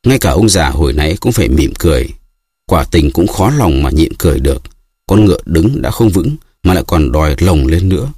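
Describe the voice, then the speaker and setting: A man with a very deep, husky voice reading a classic novel aloud in steady, expressive audiobook narration. The recording is dry and close with no room sound. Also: brisk, no echo.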